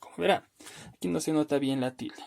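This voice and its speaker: A man's voice: on the high side, vocal fry, a little mellow. Patient man teaching word stress. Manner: patient, explains step by step with frequent "¿no?"; stretches words slowly to stress syllables. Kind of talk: recorded spelling lesson.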